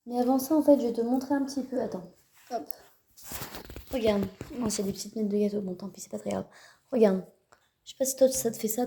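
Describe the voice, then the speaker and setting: A young mother chats straight to the camera in a loose, rambling way and often corrects herself. Her voice sits a little high. The home video recording has clear background noise. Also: mellow. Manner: chatty, rambling, many fillers and self-corrections. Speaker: mother vlogging her family day. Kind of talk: casual chat to the camera.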